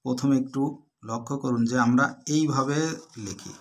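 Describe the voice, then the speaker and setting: Measured handwriting teacher. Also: male voice, medium pitch, flat delivery, creaky. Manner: measured, deliberate, repeatedly points things out to the viewer. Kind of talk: instructional lesson while demonstrating writing.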